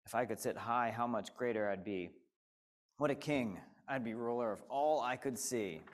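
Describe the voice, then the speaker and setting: A man's voice: medium pitch, moderate pace, natural voice. A man voicing a pompous, boastful turtle king who bellows his proud declarations in a storybook reading. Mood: gloating.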